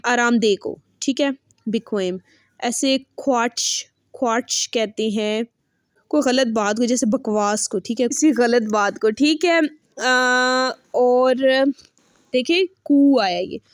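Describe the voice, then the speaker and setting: A woman teaching an online language lesson, repeating each example word slowly and checking in with her viewers again and again. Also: fairly high pitch, dry recording. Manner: repeats words slowly and says "ठीक है" often.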